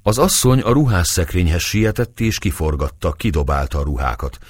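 A man narrating an audiobook in an expressive, dramatic way. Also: low voice, breathy edge, no room sound, studio quality.

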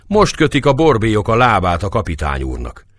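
A man's voice: fairly low pitch, wildly swooping pitch, fairly bright tone, no echo, clean studio sound, exaggerated voice. A man voicing blunt, folksy peasant men. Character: plain peasant men carrying the dead, blunt and matter-of-fact.

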